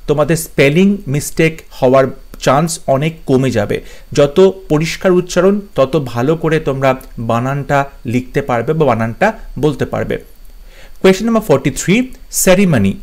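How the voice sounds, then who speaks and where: A man teaches English spelling for competitive exams, and his voice sits slightly high. He spells each word out letter by letter and repeats the key words often. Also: a little mellow. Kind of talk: spelling lesson for exam students.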